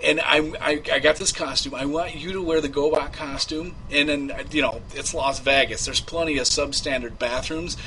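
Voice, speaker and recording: A man's voice: a little high, fairly even intonation, moderate pace, hardly any pauses, bright, forceful tone, slight background noise, rough recording. A man playing a creepy, unhinged rich young man who rambles and stammers through filler words in a prank-call comedy bit. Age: 20s.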